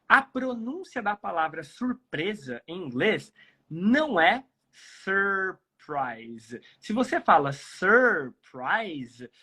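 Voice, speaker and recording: A man with a Brazilian Portuguese accent teaching English pronunciation, explaining patiently and repeating sounds slowly to demonstrate them. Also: high-pitched, bright, forceful tone, breathy edge. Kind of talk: explanatory online lesson.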